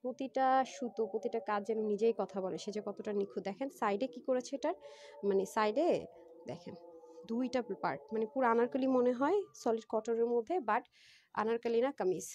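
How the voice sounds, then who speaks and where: A woman's voice: on the high side, brisk, darkish tone, a little hiss or hum. A woman hosting a live-stream clothing sale, chatty and persuasive, often asking her viewers "right?". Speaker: online clothing seller. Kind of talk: live-stream sales pitch.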